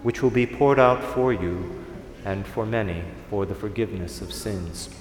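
Priest praying in a cathedral-like echo. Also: male voice, lowish voice. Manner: measured, formal phrasing. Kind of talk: solemn liturgical prayer recitation. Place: large reverberant church during Mass. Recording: echoey cathedral-like reverb, faint background noise.

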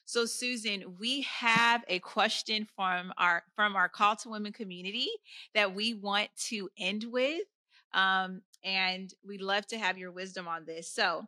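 A woman hosting a faith podcast, encouraging her listeners and gently asking her guest questions. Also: mid-range voice, fairly even intonation, unhurried, no echo. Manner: warm encouraging, addresses listeners as friends. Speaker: podcast host.

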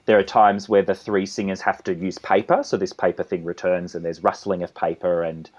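A man's voice: deep voice, level tone, a little fast, a little mellow, muffled recording. A man with an Australian accent, a composer and conductor talking as a guest in an interview, rambling with many restarts and asides. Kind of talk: conversational interview.

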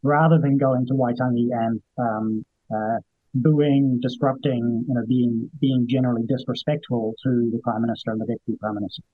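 A man with a husky, slightly rough voice talks politics as a guest commentator. He speaks conversationally and haltingly, circling back over his phrases. The sound is dry, dull and lo-fi. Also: medium pitch, steady tone, no echo. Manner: hesitant, repeats phrases. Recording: dull, lo-fi remote audio.

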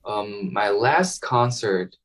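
A young violinist from Taiwan gives casual interview answers in a somewhat low, slightly bright voice that is animated yet slow. He is hesitant, with many ums and restarts, and the mic sounds distant.

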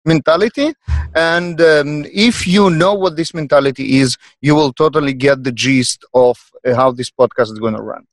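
A man with a Russian accent hosting an unscripted podcast, speaking in a hesitant, halting way. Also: fairly high pitch, no echo. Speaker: podcast host. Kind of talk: unscripted panel podcast introduction.

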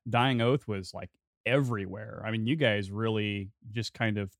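A man's voice: fairly low pitch, fairly even intonation, moderate pace, no echo, clean studio sound. A man hosting a metal radio show, chatting casually and loosely with his guest in a laid-back way. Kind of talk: casual interview chat.

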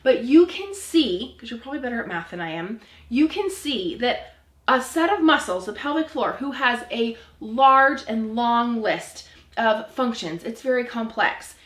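A woman in her forties speaks with a slightly high voice, chatty and earnest, poking a little fun at herself as she explains. She hosts a solo podcast. The recording has a noticeable room echo. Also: animated, a little slow, fairly bright tone. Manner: chatty, earnest, self-deprecating with small laughs. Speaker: podcast host, pelvic floor physical therapist.

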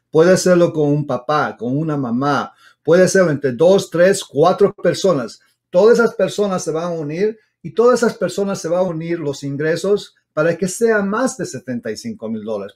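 A man hosting as a real estate agent, giving earnest, admonishing advice straight to the audience, repeating his points in halting, non-fluent phrasing sprinkled with English loanwords. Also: a little high, a little mellow. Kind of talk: direct-to-audience advice talk.

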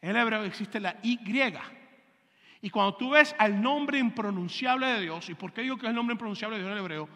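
A man's voice: sits high, brisk, a bit bright. A male pastor teaching a sermon, having the congregation repeat terms after him and checking that they follow. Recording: long hall reverb.

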